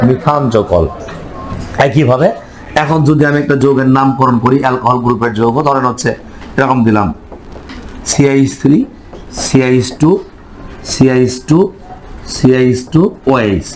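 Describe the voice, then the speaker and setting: A man's voice: mid-range voice, moderate pace, long pauses, a little mellow, a little hiss or hum, low-quality recording. Male teacher quizzing his class. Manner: quizzing the class with repeated questions. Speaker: chemistry teacher. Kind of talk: classroom lecture.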